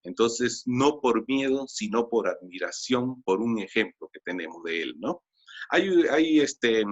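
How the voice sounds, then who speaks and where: A man's voice: mid-range voice, a bit bright. A man preaching a sermon in a conversational, storytelling way, retelling Bible stories with quoted lines and everyday fillers. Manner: conversational, with fillers and tag questions. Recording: dull lo-fi recording.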